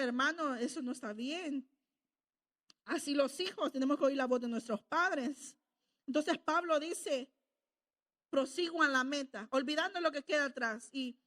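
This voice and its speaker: High-voiced woman preaching a sermon. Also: a bit bright. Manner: conversational, asks the congregation "¿verdad?".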